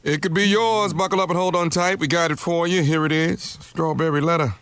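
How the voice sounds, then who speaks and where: A man's voice: fairly high pitch, fairly even intonation, a little fast, a bit bright, smooth, dry recording. A man doing playful morning radio DJ patter as a co-host, repeating phrases for emphasis. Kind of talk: morning radio DJ patter, promoting show dates. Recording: music bed behind the voice. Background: music.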